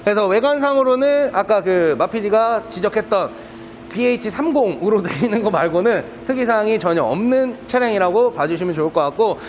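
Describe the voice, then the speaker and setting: High-voiced male used car salesman pitching. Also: animated, a little fast. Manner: salesman's polite, persuasive pitch. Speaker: used car dealer presenting a car. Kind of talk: car sales walkaround, spoken to camera. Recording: dull lo-fi sound, faint background noise.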